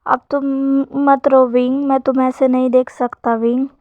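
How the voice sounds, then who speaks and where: A woman's voice: high-pitched, level tone, normal speed, no echo, close to an everyday voice. Woman reads possessive schemer, young man, plain storybook delivery, dry and muffled. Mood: pleading. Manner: read in a plain narrating voice, softer when plotting. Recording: dull lo-fi sound.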